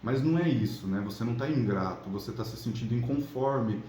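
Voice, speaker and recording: Here a Brazilian relationship coach from São Paulo state, host of his own channel, gives viewers relaxed motivational guidance, talking colloquially and checking in through brief tag questions. His mid-range voice is warm, animated, and brisk. Expect a roomy echo and plainly audible background noise.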